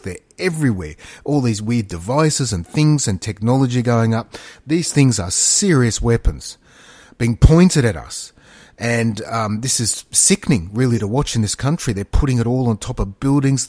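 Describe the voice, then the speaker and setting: A man's voice: medium pitch, a little mellow, no room sound. A man in casual, opinionated podcast talk, rambling, emphatic and matey, often repeating himself. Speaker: podcast co-host.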